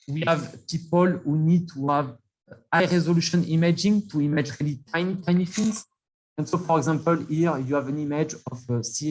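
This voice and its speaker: Male scientist presenting over a video call, halting delivery, fairly high pitch, sound dropping in and out from a distant computer mic. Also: a little hiss or hum. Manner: hesitant, many fillers and restarts. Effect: sound cutting in and out like a loose cable. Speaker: microscopy facility scientist presenting. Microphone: computer mic, speaker too far from it.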